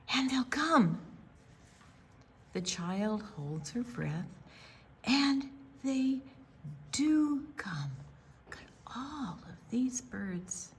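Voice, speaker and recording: Reading a picture book aloud to children, the older storytime presenter phrases things deliberately, like a storyteller, and pauses dramatically. Her voice is a little high and a bit bright, with a breathy edge.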